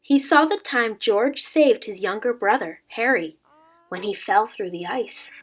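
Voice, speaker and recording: This teacher, a woman in her twenties, opens with some casual chat before reading a storybook to children. Her fairly high voice is husky and unhurried, and the recording sounds rough.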